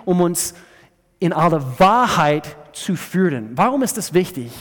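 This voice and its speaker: A man preaches a sermon in a slightly raised voice, with a long reverb trailing each phrase as in a church hall. He swings from loud, emphatic lines down to soft, hushed asides. He often halts and restarts his sentences. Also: sits high. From USA. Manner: halting, with frequent restarts. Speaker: pastor.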